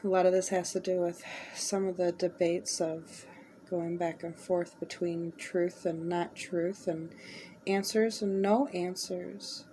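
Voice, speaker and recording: A woman with a slightly low voice speaks in a meandering, halting monologue as she runs a spirit box session. She sounds exasperated as she addresses the spirits. A faint layer of noise sits behind her. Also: flat delivery, dark tone, rough recording.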